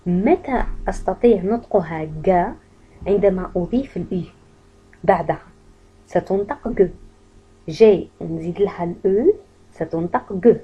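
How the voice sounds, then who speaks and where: A woman teaching a French pronunciation lesson, patiently saying each word slowly and then repeating it. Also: mid-range voice, warm tone, breathy edge, dull audio.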